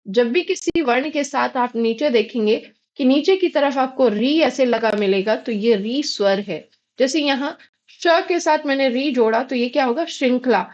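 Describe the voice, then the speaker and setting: A woman's voice: high-pitched, moderate pace, darkish tone, muffled recording. An Indian woman teaching a Hindi grammar lesson, patiently posing questions and answering them herself. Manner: patient, asks and answers her own questions.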